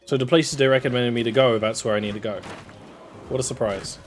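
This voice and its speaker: A young Englishman streams a video game and keeps up casual commentary in a steady tone, fairly quick, with faint music behind. His southern accent carries a rambling, chatty manner broken by sudden jumps in pitch.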